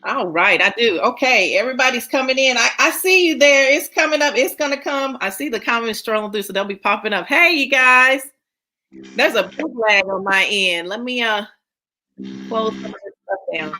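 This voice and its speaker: A woman's voice: a little high, normal speed, sharp tone, poor audio. A woman hosting a live podcast stream, greeting viewers by name with upbeat faith-centered encouragement and reading her guest's bio. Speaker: podcast host.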